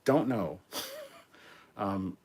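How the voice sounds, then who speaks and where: A man in his forties hosting a live stream, chatting casually and answering viewer comments in a rambling, relaxed way with many ums and restarts. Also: fairly low pitch, drawn-out words, husky. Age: 40s.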